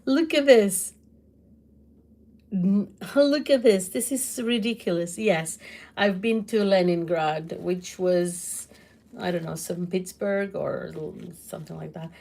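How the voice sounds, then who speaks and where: A middle-aged Portuguese woman with a Portuguese accent, chatting loudly to her livestream viewers from her home kitchen, laughing often. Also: fairly low pitch, takes it slowly, gravelly. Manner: loud, laughs often, exclaims. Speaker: livestream host. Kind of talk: casual livestream chat answering comments.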